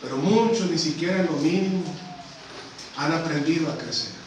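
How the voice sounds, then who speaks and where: A man preaching a sermon as a missionary. He keeps calling the congregation brothers and swings between loud emphatic peaks and low, hushed lines. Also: moderate pace. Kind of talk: Spanish-language church sermon. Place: church sanctuary. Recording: echoey church recording from far off, faint hiss.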